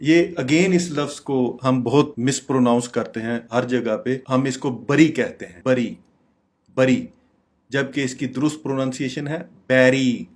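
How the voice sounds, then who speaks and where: Man drilling English pronunciation. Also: mid-range voice. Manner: slow, repeats each word several times. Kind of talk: word-by-word pronunciation lesson.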